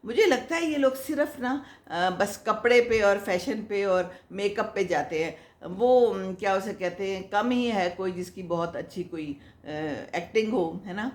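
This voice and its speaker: Laughing frequently, an older woman responds to viewer comments during a casual advice show, chatty, motherly and moralizing. She speaks in a mid-range voice with few pauses, and the room echoes.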